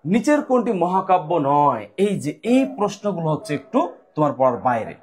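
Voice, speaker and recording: A man's voice: fairly high pitch, sing-song, moderate pace, darkish tone. A man with a Bangladeshi Bengali accent, tutoring for university admission exams, drilling students with repeated questions and answers. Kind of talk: lecture solving exam questions.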